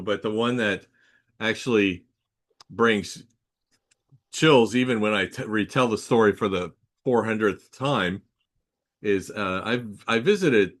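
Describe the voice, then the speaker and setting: A man hosting a casual interview, telling stories at a measured pace with "um" and "uh" pauses. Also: lowish voice, fairly bright tone. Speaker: podcast host, also plays Santa.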